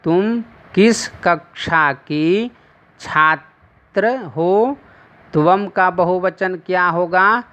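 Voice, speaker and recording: Slow, bright-voiced male Sanskrit teacher. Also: high-pitched, clean tone, dull audio. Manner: slow, deliberate drilled recitation of word forms; addresses children directly, explaining pronunciation. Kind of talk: classroom lesson recitation.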